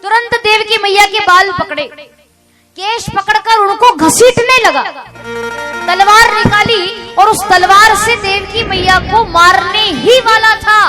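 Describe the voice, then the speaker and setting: A woman narrating a devotional story in a dramatic, animated way. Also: very high voice.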